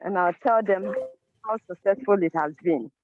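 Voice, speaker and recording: A woman's voice: mid-range voice, dry recording, narrow, tinny audio. A woman attending a course, effusively thanking the instructor over a video call and blessing him, stumbling over her words. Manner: effusive, grateful, halting, prays blessings. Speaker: course participant.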